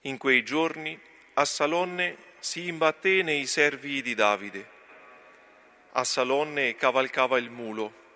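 A man reading scripture aloud at Mass as lector, in a slow, deliberate reading manner. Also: mid-range voice, sharp tone.

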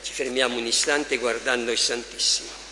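A man leading adoration as a priest, reading scripture and meditations slowly and with measured care in a large church. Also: mid-range voice, fairly even intonation, pushed and bright, a little hiss or hum. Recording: echoey church with long reverb, faint ambience.

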